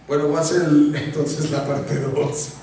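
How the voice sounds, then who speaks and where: Preacher, male, animated delivery, slightly high voice, echoey church hall, miked from a distance. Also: unhurried. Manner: animated, acts out complaints in a raised voice. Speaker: pastor. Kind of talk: sermon. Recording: echoey church hall, from far off, faint noise.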